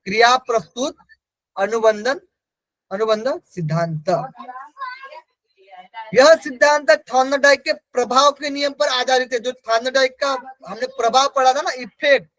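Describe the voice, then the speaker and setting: A man with a strikingly high, fairly bright voice teaches an exam-prep class, repeatedly asking questions, answering them himself, and repeating key terms for emphasis. The poor-quality recording is close and dry, with no room sound.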